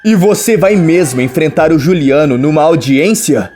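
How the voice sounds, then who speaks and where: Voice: medium pitch, animated, normal speed, mellow, slight background noise, natural voice. Protective young hero man, as a narrator reads him. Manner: worried, indignant.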